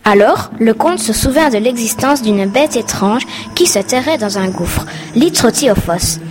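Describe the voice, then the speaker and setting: A woman narrating a children's storybook in a clear reading voice. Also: fairly high pitch, lively intonation, unhurried. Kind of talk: scripted narration.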